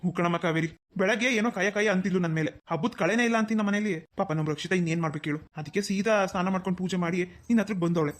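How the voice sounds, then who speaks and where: A woman's voice: on the low side, rapid-fire, few pauses, natural voice. Worried middle-aged cartoon uncle, voiced by a woman, kind and fussing. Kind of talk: cartoon voice acting.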